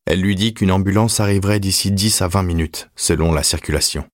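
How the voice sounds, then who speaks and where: A man reading an audiobook in measured, even scripted narration. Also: low voice, dry recording, clean studio sound.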